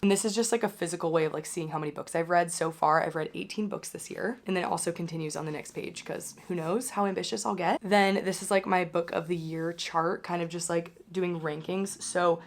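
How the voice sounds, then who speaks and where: Young woman, hoarse, slightly low voice, casual book vlog chat, filler-heavy. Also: fairly even intonation, fairly quick, hardly any pauses. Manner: chatty, many filler "like"s. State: hoarse, recovering from losing her voice. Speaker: book channel host. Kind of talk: casual reading wrap-up chat.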